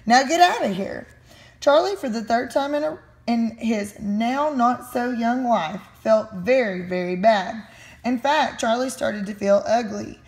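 A woman reading a children's storybook aloud, expressive and slowing down on key phrases. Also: on the high side.

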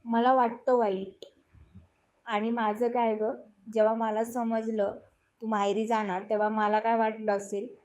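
A woman voicing a young husband in an audio story reading, earnest and pleading, in a slow, even voice. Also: a little high, natural voice. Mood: tender. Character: young husband, stern then tender.

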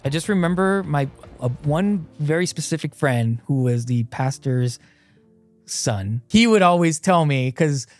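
A man's voice: fairly high pitch, measured pace, faint music behind. A man in his thirties from Hawaii, a guest telling his story in loose, casual conversation full of "like" fillers, on a close podcast mic in a small studio. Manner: loose and animated, lots of "like" fillers, gestures while talking. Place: small dim studio set with a couch. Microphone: boom-mounted podcast mic close up.

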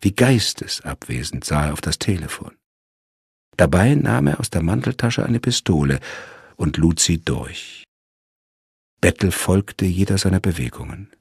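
Deep, creaky male audiobook narrator. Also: expressive, darkish tone, no echo, studio quality. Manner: measured storytelling. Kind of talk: scripted crime audiobook narration.

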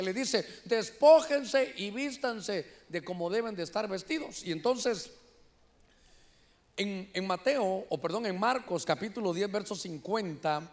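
A Honduran man preaching a sermon in church, lively and animated, often calling out to his listeners as brothers. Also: high voice. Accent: Honduran Spanish. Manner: shouts when voicing quoted cries. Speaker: pastor. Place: church sanctuary.

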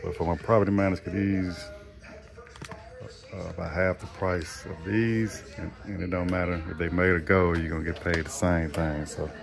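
A man's voice: low voice, fairly even intonation, normal speed, vocal fry, a crowd in the background. A man, an HVAC technician, casually vlogging his workday and talking to viewers as folks. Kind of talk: casual vlog narration. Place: on the go, store and truck.

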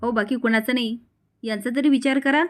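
A woman's voice: on the high side, fairly even intonation, fairly quick, close to an everyday voice. A woman voicing a firm daughter-in-law who sternly pleads with an elder. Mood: stern pleading.

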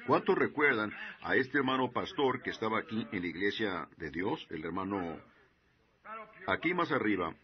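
A man's voice: on the low side, big pitch swings, moderate pace. A man preaching a sermon, telling a story and asking the congregation questions. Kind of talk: sermon, Spanish voicing of a translated sermon. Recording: dull lo-fi sermon recording.

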